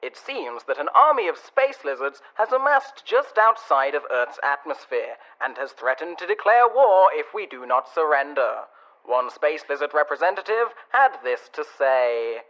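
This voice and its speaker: A man's voice: a little high, big pitch swings, moderate pace, bright, forceful tone, exaggerated voice. A man playing an earnest radio newsreader in a drama, with formal announcer delivery through a muffled radio filter. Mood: urgent, formal. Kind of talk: radio news bulletin acting. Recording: muffled, band-limited radio sound.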